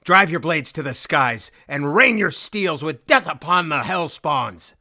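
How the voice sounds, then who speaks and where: Man acting a hoarse, fervent warrior commander. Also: fairly high pitch, animated, measured pace, bright, forceful tone, exaggerated voice. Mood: rousing, resolute. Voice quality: hoarse, cracking but strong. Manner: impassioned, oratorical, defiant. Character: defiant, fervent male warrior commander rallying his army. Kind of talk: dramatic fantasy audiobook acting.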